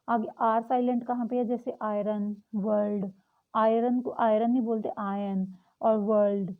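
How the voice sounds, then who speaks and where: A young woman teaching a lesson, patiently repeating example words slowly. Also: on the high side. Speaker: English teacher. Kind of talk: explaining a lesson. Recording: tinny phone-like audio.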